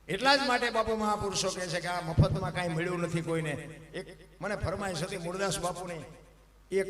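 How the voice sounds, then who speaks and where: A man telling devotional stories in a satsang sermon, fervent and often swelling into loud, emphatic cries. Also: sits high. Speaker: devotional storyteller. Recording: echoey hall with long reverb.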